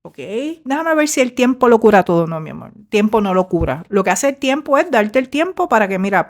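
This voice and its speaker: A middle-aged woman, a former therapist hosting a faith-based motivational podcast in a warm, conversational way. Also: medium pitch. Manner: warm, conversational, mixes English fillers into Spanish.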